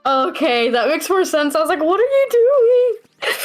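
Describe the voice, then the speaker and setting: A woman's voice: very high-pitched, very animated, measured pace, faint music behind. A woman in a casual stream chat, reacting with short, incredulous remarks.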